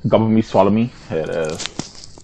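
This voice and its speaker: A young man hosting his gaming stream, trading loud, profane, teasing banter with friends and laughing often over a headset. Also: fairly low pitch, unhurried, creaky, slight background noise. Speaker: gaming host.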